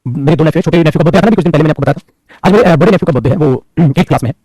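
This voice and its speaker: A man's voice: fairly high pitch, rapid-fire, dark tone, breathy edge, dry recording. A young man teaching an online grammar class, lecturing his students sternly and then explaining answers patiently. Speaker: English teacher.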